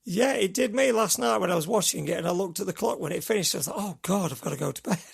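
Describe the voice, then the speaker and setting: Brief: middle-aged man, gravelly and raspy, high-pitched for a man, chatty podcast host who rambles. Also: fast talker. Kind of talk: casual chat.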